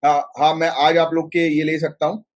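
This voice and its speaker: A man teaching a live online exam-prep class, speaking Hindi with a north Indian accent, mixing in English terms and asking students quick questions. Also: a little high, level tone. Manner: chatty, mixes Hindi with English terms, many fillers.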